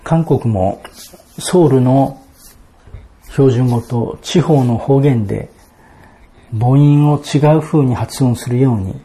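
A man preaching a sermon, explaining Bible verses in a measured, expository way and reading passages aloud. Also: mid-range voice, warm tone. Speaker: pastor.

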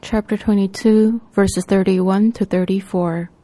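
A woman preacher delivering a sermon, reading scripture and telling a story in a measured, deliberate way. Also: medium pitch, steady tone, dark tone.

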